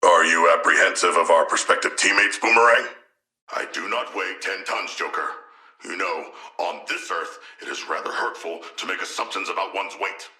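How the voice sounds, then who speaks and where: A male actor voicing a huge, earnest, literal-minded shark-man warrior in a video game, with a deep, gravelly voice and formal, stilted phrasing. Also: moderate pace, sharp tone, dry recording, heavily acted. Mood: quiet, musing. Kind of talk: video game character voice lines.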